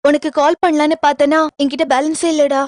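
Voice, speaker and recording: An actress playing a timid young female student who talks quickly and apologizes in a TV serial. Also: sits high, flat delivery, darkish tone, no room sound, clean studio sound, natural voice. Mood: worried. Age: young adult. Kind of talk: TV serial acting. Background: background music.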